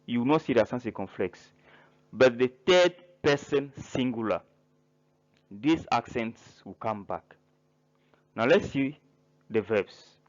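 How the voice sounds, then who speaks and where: A man teaching a French grammar lesson in English, listing verbs slowly and spelling out word endings letter by letter. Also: mid-range voice, animated, lo-fi sound. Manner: spells words out letter by letter, pauses between listed verbs. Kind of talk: slow grammar lesson narration.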